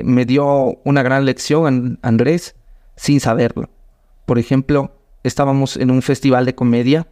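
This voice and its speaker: A young adult Ecuadorian man, a stand-up comedian, talks casually through a rambling story, often restarting his phrases and slipping into the voices of the people he quotes. His voice sits at an ordinary middle pitch. The recording is dry and close, with no room sound. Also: warm tone, no echo. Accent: Ecuadorian Spanish. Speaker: guest comedian.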